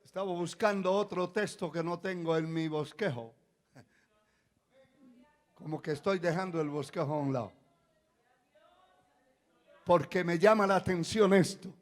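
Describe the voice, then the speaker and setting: A male pastor preaching a sermon, moving from quiet asides to shouted proclamations and acting out the cries of people in the story. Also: sits high, measured pace, long pauses. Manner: acts out quoted cries of a frightened servant.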